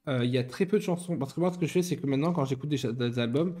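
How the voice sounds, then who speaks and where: A man's voice: medium pitch, very fast, mellow. A young man chatting casually while building Lego, rambling and often correcting himself.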